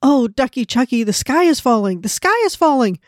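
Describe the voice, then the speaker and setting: Lady doing a squeaky panicky tiny hen, way up high, total alarm. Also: big pitch swings, brisk, no room sound, studio quality. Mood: panicked. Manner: shrieking, breathless alarm.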